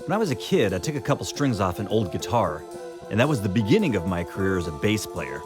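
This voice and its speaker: A man's voice: sing-song, fast talker. A man from Japan hosting a show, giving an upbeat scripted narration as he introduces the show and its players. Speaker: host. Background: loud bass and guitar music.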